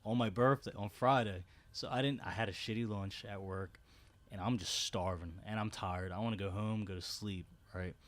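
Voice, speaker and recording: A man's voice: fairly low pitch, steady tone, normal speed. A man co-hosting a casual podcast, telling rambling, slangy stories with some swearing. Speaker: podcast co-host. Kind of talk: casual chat.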